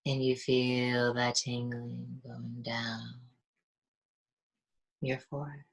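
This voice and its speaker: Very slow, low, soothing woman guide. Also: level tone, rough recording. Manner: soft, slow and soothing, half-whispered. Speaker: meditation guide. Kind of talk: guided meditation.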